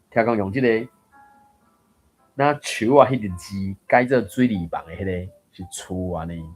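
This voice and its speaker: A man giving a casual lesson on reading aloud, thinking aloud with many fillers and restarts. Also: on the low side. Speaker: Taiwanese reading coach.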